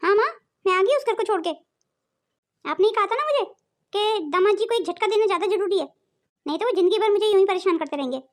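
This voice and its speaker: A woman's voice: very high voice, lively intonation, quick pace, pauses often. A woman voicing a spoiled, demanding young married daughter in a cartoon. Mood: aggrieved. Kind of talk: cartoon voice acting.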